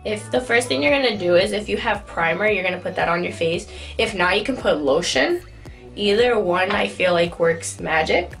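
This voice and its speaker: A young woman with a hoarse, sick-sounding voice, chatting loosely and jokingly as she walks through a makeup tutorial at home. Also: medium pitch, animated, moderate pace, soft background music. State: hoarse from a cold. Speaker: beauty vlogger. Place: indoors at home in winter.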